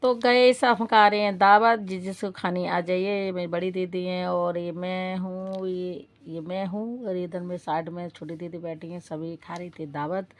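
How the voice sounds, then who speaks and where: A woman's voice: fairly low pitch, steady tone, normal speed, few pauses. A woman with a western Uttar Pradesh Hindi accent, vlogging casually at a crowded wedding venue and chatting straight to her viewers. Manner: chatty, addressing viewers directly. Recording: noisy crowded wedding hall. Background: loud crowd and music.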